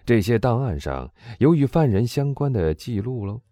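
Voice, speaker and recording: A man voicing a cool, reserved Englishman who speaks calmly and deliberately in an audiobook. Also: mid-range voice, dry recording, studio quality, voice pushed up, lightly acted. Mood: probing. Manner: calm, measured, cool. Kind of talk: audiobook dialogue reading.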